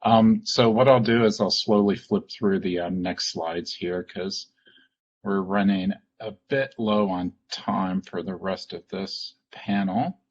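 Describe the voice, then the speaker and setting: A deep-voiced man hosting an online panel, his tone a little husky and breathy. He speaks casually, with frequent ums and uhs, over a muffled video-call line. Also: fairly even intonation, takes it slowly. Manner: conversational, filler-heavy wrap-up. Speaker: panel moderator.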